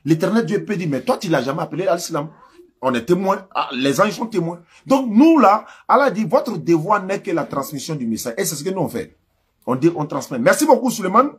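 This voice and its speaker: A man with an Ivorian French accent hosts a live religious call-in stream, talking informally with listeners and callers on the phone. His voice is high-pitched, sing-song and slightly rough, and he speaks a little fast.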